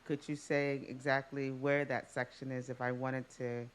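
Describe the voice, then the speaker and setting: A man's voice: medium pitch, little pitch movement, normal speed, smooth. Polite male audience member. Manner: polite, formal. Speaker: audience member asking a question.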